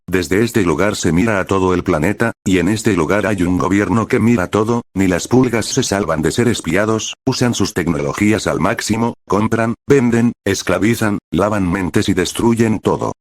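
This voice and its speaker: A pastor from Peru reading aloud a prophetic vision in a slow, solemn, dramatic manner. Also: male voice, deep voice, no echo.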